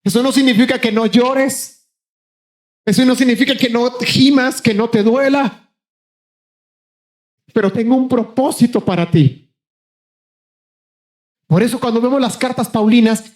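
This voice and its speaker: A man preaching a sermon as pastor, passionately calling to his congregation, rushing ahead in quick bursts and then slowing down hard for emphasis. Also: very high voice, darkish tone. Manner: impassioned, repeatedly addressing the congregation as brothers; shifts between rapid bursts and slow, drawn-out emphasis.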